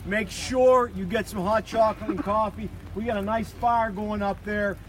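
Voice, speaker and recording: A man's voice: high-pitched, fairly even intonation, normal speed, a bit bright. A man informally announcing an outdoor event in a joking, folksy way. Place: outdoors by a river at a charity event. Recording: noisy outdoor live stream.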